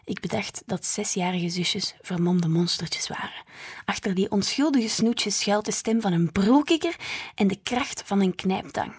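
A woman narrating a children's story in the first person, quietly, drifting into hushed whispers. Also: mid-range voice, husky. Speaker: audiobook narrator.

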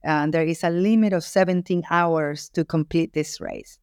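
A woman's voice: fairly low pitch, fairly even intonation, normal speed, a little mellow, clear, resonant tone, dry recording, studio quality. Earnest woman author from Ecuador. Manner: earnest, reflective, with frequent restarts. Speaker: author and guest. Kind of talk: interview answer.

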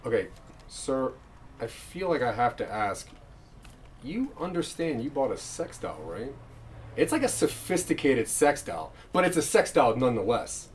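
A man's voice: medium pitch, big pitch swings, measured pace. A man playing an officious customer service agent with weary, exasperated politeness on a comedy phone call. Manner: formal, hesitant, exasperated politeness. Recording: faint background noise and ambience.

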